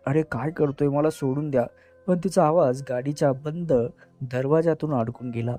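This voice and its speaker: A man narrating a dramatic audio story in a measured, emotive way. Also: mid-range voice, mellow. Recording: narration over faint background music.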